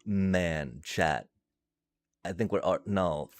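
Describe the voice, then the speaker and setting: A man's voice: deep voice, slow, soft background music. A man streaming a card game, ranting profanely with frustrated laughs between lines. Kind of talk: casual gameplay commentary.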